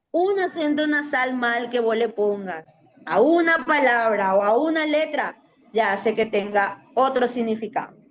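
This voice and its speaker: A woman from Paraguay with a Paraguayan Spanish accent, a Guaraní teacher answering radio interview questions in an explanatory way that keeps tagging "¿verdad?". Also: a little high. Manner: explanatory, often adds "¿verdad?". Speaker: guest, Guaraní language teacher.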